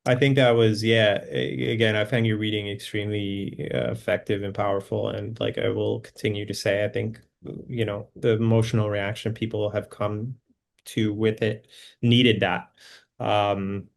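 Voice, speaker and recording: A man who is a filmmaker guest in a casual conversation. He speaks thoughtfully and with hesitation, with many pauses. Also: on the low side, flat delivery, vocal fry.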